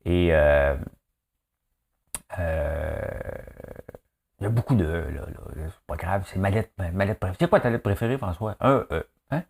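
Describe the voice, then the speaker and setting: A Québécois man chats through a daily news commentary from his rural home, joking along and scattering fillers and asides. He speaks a little slowly in a low, slightly mellow voice with vocal fry and long pauses.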